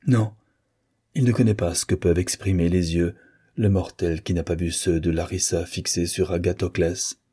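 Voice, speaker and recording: A man reading a classic novel aloud as an audiobook, in a measured and expressive way. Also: deep voice, slightly rough. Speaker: audiobook reader. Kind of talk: scripted narration of a classic novel.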